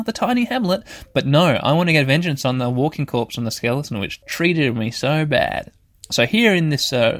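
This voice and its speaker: A man with a medium-pitched voice talks through a video game in a dry-sounding space. His delivery is casual and rambling, with halting phrases as he thinks aloud and describes each move. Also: no echo. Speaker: host of a gaming show. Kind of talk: casual let's play commentary. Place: shed.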